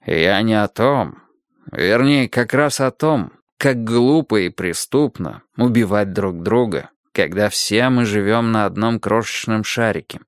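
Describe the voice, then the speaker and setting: A man doing a slow, gentle old grandfather. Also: fairly low pitch, dry recording, clean studio sound, close to an everyday voice. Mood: reflective. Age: older. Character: kind, thoughtful old grandfather stargazer.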